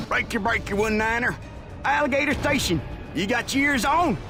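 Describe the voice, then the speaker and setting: An actor playing an excited male trucker calling over CB radio in trucker lingo, urgent and insistent. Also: very high voice, a little fast, over loud music. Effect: CB radio transmission. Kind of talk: video game voice acting.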